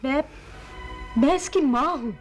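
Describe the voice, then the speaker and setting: A woman's voice: high voice, measured pace, music in the background. An actress playing a determined mother who firmly defies her husband.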